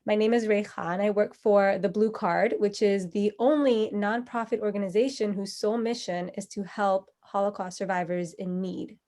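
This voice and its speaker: A woman's voice: mid-range voice, steady tone, normal speed, few pauses, darkish tone. Woman hosting a virtual event. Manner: friendly, slightly informal with fillers. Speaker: host of a charity event. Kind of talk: event introduction. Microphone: video call.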